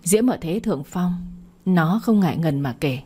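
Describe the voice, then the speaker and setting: Woman reading a family drama story, low voice, kinda husky. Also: lively intonation, moderate pace, dark tone. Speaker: narrator. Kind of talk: scripted dramatic narration.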